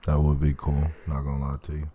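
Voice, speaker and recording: A man's voice: extremely low pitch, monotone, fast talker, dark tone. A man co-hosting a casual anime podcast, laid-back and agreeable as he chats along. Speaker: podcast co-host.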